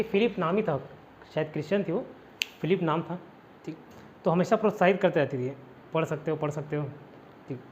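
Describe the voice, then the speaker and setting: A man's voice: a little high, a little mellow, dull audio, slight background noise. A man from India teaching a casual vocabulary lesson in a classroom, explaining each word with repeated rhetorical questions.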